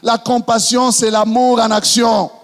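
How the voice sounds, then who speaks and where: A man preaching a sermon as pastor, swinging between impassioned shouting and hushed passages. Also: very high-pitched, little pitch movement, measured pace, long reverb tail.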